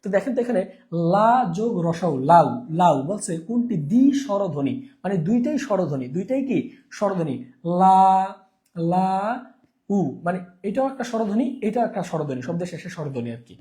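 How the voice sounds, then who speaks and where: A man's voice: high voice, sing-song, fast talker, dark tone. A man teaching an exam-prep lesson, repeating key terms and asking questions back to his students.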